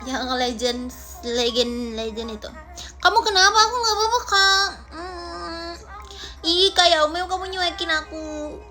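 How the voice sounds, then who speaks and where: A woman's voice: very high-pitched, expressive, a little slow, music in the background. A woman live streaming from home, chatting casually and playfully teasing her viewers as she reads their comments aloud. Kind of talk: casual livestream chat reading viewer comments.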